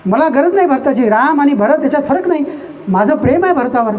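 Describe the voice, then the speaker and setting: A man voicing a calm trusting queen. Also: very high voice, a little fast. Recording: distant mic, faint noise.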